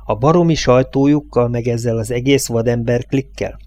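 A man's voice: mid-range voice, fairly even intonation, a little mellow, close to an everyday voice. A man voicing a blunt, scornful oil company boss who is Irish in the story, read as an audiobook character voice. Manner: blunt, sneering, rough-spoken.

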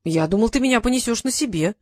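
A woman's voice: fairly high pitch, lively intonation, fast talker, dry recording. A woman voicing a young apprentice wizard boy, hesitant and curious. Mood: uncertain.

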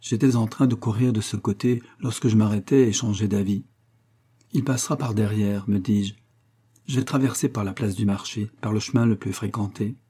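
Man, audiobook narrator, low husky voice, steady storytelling reading. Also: moderate pace. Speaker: audiobook reader. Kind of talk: scripted narration of a classic story.

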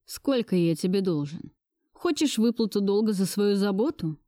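A woman's voice: mid-range voice, lively intonation, moderate pace, mellow, dry recording, clean studio sound, lightly acted. A woman voicing a defiant young man who bitterly stands up to his grandmother. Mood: resolute. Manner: bitter, resolute outbursts. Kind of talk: audiobook dialogue reading.

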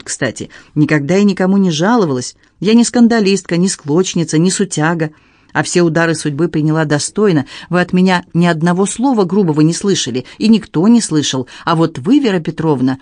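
A man's voice: high voice, brisk, darkish tone, no room sound, studio quality, lightly acted. A man reading as an indignant young woman.

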